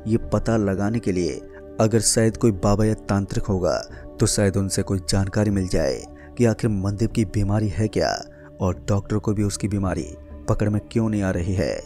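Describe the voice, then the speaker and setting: A man narrating a scripted horror story in a steady, measured way. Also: lowish voice.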